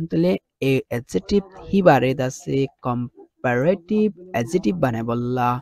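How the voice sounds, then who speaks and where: Gravelly-voiced man teaching English grammar. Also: mid-range voice, darkish tone. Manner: explains step by step, often checks understanding. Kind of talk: lesson in a regional dialect mixing English terms.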